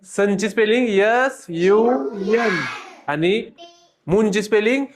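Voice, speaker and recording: A man teaches a class of children in front of him, keeping things moving with quick repeated questions and playful teasing in a casual style. His voice sits high, and there is background noise.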